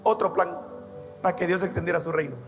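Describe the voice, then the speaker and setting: A pastor with a notably high voice preaches, weaving his own stories into the sermon in an earnest, heartfelt way. Soft music plays faintly behind him. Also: steady tone, a little fast, vocal fry. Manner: earnest storytelling, addresses listeners as "amado". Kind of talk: sermon with personal testimony.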